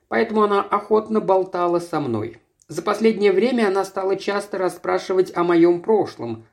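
An audiobook reader narrating a novel in first person. The delivery is steady and measured, with a mid-range voice. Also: medium pitch.

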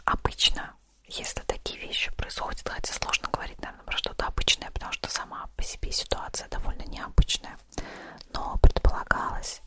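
A podcast host telling stories in a soft, relaxing ASMR whisper, close to the microphone.

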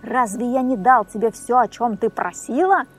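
A woman voicing a wrathful old sea king who speaks slowly and menacingly in a storybook tale. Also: on the high side, animated, faint music behind.

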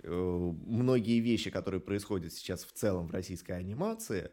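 In an interview, a studio director with a low-pitched, warm voice lays out his points carefully and articulately, leaning on rhetorical emphasis.

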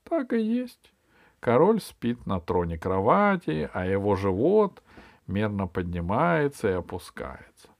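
A man narrating a children's storybook in a lively way. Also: fairly low pitch, a little slow, gravelly, no echo. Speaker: audiobook narrator.

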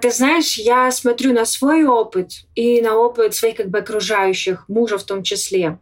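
A woman's voice: fairly high pitch, steady tone, moderate pace. A woman in her twenties being interviewed on a podcast, talking confidently and upbeat, with laughs between points. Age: 20s. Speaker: podcast guest, entrepreneur.

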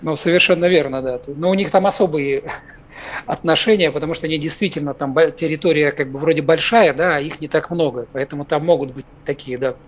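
A man with a somewhat high voice gives expert commentary as a clinical psychologist. He talks in a measured, careful way, hedges his points and often pauses with filler sounds. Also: fairly even intonation. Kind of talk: expert commentary on a talk show.

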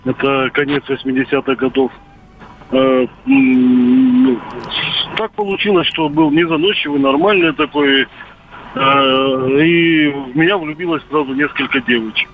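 A man in his fifties calling into a radio show over a landline phone, telling his story haltingly with many pauses and filler sounds. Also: medium pitch. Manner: hesitant, filled with "uh" pauses and hedging phrases. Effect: heard over a landline phone. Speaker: caller. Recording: tinny phone line, faint noise.

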